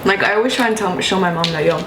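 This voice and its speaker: A young woman talks fast in a casual, heartfelt chat. She is emphatic and slangy, keeps checking she is understood, and sits in an echoey room with clear background noise. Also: mid-range voice. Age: young adult. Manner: emphatic, slangy, frequent "you know what I'm saying". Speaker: video host.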